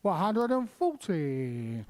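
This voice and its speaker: A man working as a darts score caller, formally announcing scores and players in a drawn-out announcer delivery, with clicks and noise behind him. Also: high-pitched, big pitch swings, darkish tone.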